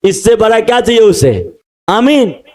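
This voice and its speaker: A man's voice: high-pitched, unhurried. A man preaching a sermon to a congregation, acting out voices and calling for responses. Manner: animated preaching, calls out to the congregation and acts out the crowd. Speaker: pastor.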